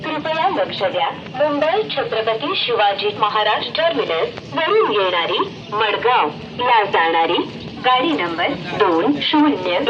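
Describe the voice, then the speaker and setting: A woman making a railway station announcement over a public loudspeaker, in a slow and measured announcing cadence. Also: a little high, heavy background noise. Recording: dull lo-fi loudspeaker over a loud crowd.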